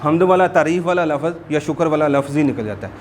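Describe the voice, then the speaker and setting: A man teaches a Quran class in a fairly high voice. He explains patiently and drags out words to show how to say them, with faint hiss in the background. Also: lively intonation, a little mellow. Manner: explanatory, repeats words slowly to demonstrate pronunciation. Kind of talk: informal religious class lesson.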